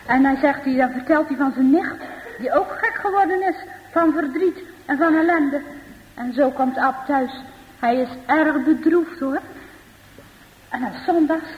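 A woman, likely older, telling a children's Bible-school story in a lively way, voicing the characters and often adding little tag questions. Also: high-pitched, a little hiss or hum. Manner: lively, with frequent tag questions and voiced dialogue. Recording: dull recording in a reverberant hall.

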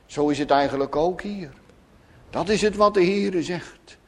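Slow pleading preacher. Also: male voice, high voice. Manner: swings between loud urgent pleading and soft hushed asides. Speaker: pastor. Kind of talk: sermon.

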